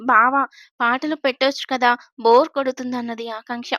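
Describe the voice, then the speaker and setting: A woman's voice: a little high, steady tone, normal speed, bright, forceful tone, dry recording, studio quality. A woman voicing a playful, teasing young woman.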